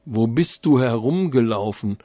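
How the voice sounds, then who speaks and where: Man doing grumpy old woodcutter dad, scolding, slow, muffled audiobook. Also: medium pitch, expressive, no echo. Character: stern, worried old woodcutter father.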